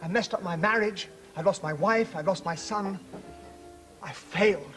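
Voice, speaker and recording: An actor playing a contrite, self-pitying middle-aged ex-husband, earnest and apologetic. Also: male voice, sits high, moderate pace, fairly bright tone, faint music behind.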